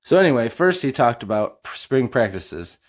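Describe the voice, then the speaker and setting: A man's voice: mid-range voice, sing-song, normal speed. A middle-aged man hosting a sports podcast, an eager fan talking in a loose, casual way with plenty of filler uhs.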